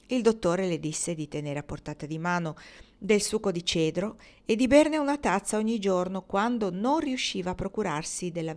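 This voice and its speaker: Calm woman reading a novel aloud. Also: medium pitch. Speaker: audiobook reader.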